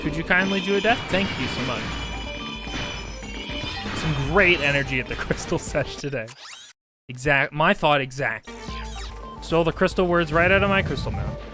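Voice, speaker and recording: A man's voice: on the high side, expressive, normal speed, long pauses. A man streaming a video game, chatting casually in a rambling, wry, sweary way. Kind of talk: casual game commentary and chat. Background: game music.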